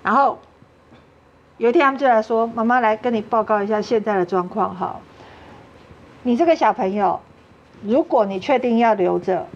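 A woman's voice: fairly high pitch, lo-fi sound, a little hiss or hum. A woman with a Taiwanese Mandarin accent, a talk show guest earnestly telling a personal story and acting out what others said. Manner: earnest, acts out quoted dialogue.

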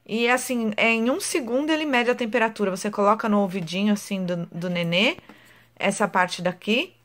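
Brief: mother vlogging at home, mid-pitched, easy chatty delivery. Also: moderate pace, fairly bright tone. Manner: chatty, frequent "tá?" tags to viewers. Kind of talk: casual home vlog.

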